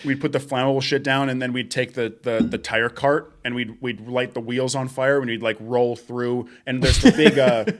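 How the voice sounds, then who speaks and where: A man's voice: mid-range voice, little pitch movement, normal speed, hardly any pauses. Swearing young man telling stories. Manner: swears a lot, laughs while telling stories. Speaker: podcast co-host. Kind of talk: casual chat.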